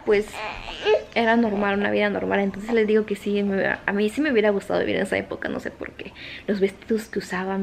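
Chatty young woman, hushed. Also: medium pitch, slight background noise. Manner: chatty and rambling, with many fillers; hushed at night while others sleep. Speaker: vlogger. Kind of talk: casual chat to camera. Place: home at night, indoors.

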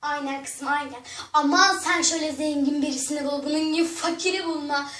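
A woman does a snobbish doll mother who wails and grumbles about money. Her voice is very high and fussy. It is home-made doll play. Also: fairly even intonation, brisk, a bit bright, reverberant, far from the mic, a little hiss or hum. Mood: grumbling.

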